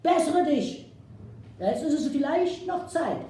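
Woman putting on a shrill scolding matron. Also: very animated, slow, dark tone, heavily acted. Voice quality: shrill, scolding, dialect-tinged. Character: furious scolding older woman, sharp-tongued. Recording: echoey room, distant mic.

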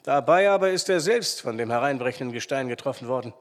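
A man voicing a calm, decisive male investigator who explains firmly, in reverberant sound. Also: mid-range voice, fast talker, lightly acted.

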